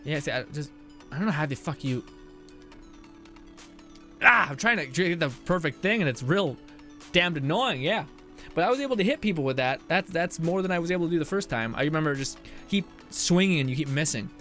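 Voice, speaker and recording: A man's voice: on the high side, expressive, fairly quick, a bit bright, soft background music. A young man streaming a game, chatting casually, laughing often and reading chat messages aloud. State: out of breath at times. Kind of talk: casual live-stream commentary.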